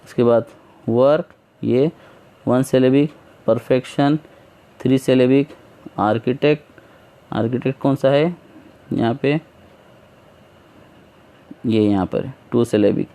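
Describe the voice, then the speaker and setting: Slow, mellow-voiced male teacher. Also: medium pitch. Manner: reads English aloud slowly, then explains in Hindi-Urdu; patient, step-by-step word lists. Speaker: school English teacher. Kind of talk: textbook exercise lesson.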